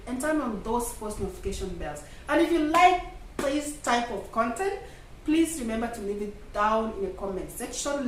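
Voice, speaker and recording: A woman from Kenya with a Kenyan accent, hosting a casual sit-down vlog chat and speaking conversationally to viewers. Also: fairly high pitch. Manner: conversational, addresses viewers as "guys". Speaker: vlog host. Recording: echoey room, distant mic, faint noise.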